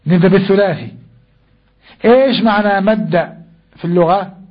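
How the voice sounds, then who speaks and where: Older male teacher with a husky voice, asks and answers his own questions in class, dull lo-fi recording. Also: high voice. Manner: questions the class and answers himself, drawing out verses slowly. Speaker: Quran teacher. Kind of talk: classroom tafsir lesson.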